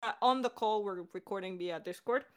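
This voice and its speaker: A woman with a mid-range voice talks fairly quickly in a chatty, enthusiastic, giggly way. She's an audio drama director and voice actor hosting a casual, unscripted Q&A.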